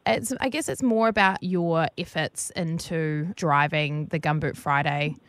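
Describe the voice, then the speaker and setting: An earnest New Zealand official played by a woman prank caller, polite and semi-formal. Her voice sits a little low, with a dry, close studio sound. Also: a little slow, no room sound. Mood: politely businesslike. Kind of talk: semi-formal phone interview.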